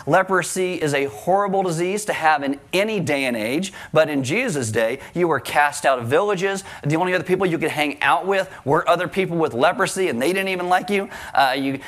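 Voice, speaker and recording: A middle-aged man preaching a sermon in a conversational, animated way, acting out quotes and adding asides. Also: a little high. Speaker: pastor.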